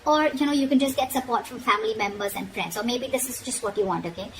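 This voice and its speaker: A woman with a fairly high, slightly bright voice talks fast as she gives a frank, informal tarot reading. She addresses the listener directly, often checking in while she admonishes. The low-quality recording carries noticeable background noise.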